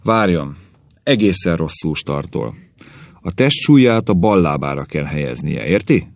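A man's voice: deep voice, expressive, no echo. A man voicing a stern, pedantic professor of physical education who lectures and corrects. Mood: lecturing.

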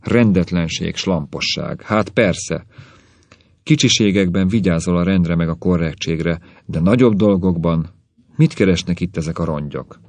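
A man's voice: low voice, darkish tone, no echo. A man voicing a scornful, bitter middle-aged husband who lectures and sneers, in an audiobook reading. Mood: sneering.

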